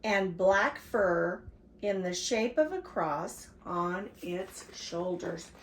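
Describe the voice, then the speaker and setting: A grandma reading as a patient storybook mom. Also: female voice, mid-range voice, animated, slow pace. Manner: patient, explaining. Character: a mom on a desert hike, explaining. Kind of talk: storybook read-aloud. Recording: roomy echo, faint background hiss.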